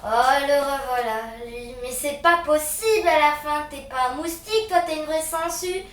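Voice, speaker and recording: A woman's voice: sits high, moderate pace, roomy sound, far from the mic, slight background noise, close to an everyday voice. A woman playing a snappy, irritated older sister. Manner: snappy, impatient retorts. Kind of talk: amateur theatre acting.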